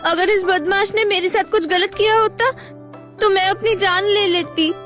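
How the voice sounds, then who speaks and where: A woman voicing a gentle, loyal young wife who speaks earnestly and pleads when frightened, in a Hindi drama dub. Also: very high-pitched, steady tone, normal speed. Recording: soft music behind the voice.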